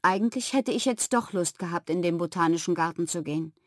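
A woman narrating a children's story in the first person, expressive and animated. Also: lowish voice, brisk, no echo, studio quality. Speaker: audiobook reader.

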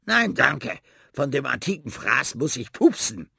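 A man's voice: medium pitch, sing-song, a little slow, vocal fry, bright, forceful tone, breathy edge, no echo, clean studio sound, voice pushed up, heavily acted. A man voicing a greedy, know-it-all rat who snaps and talks down to a boy. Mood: dismissive. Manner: snappish and condescending.

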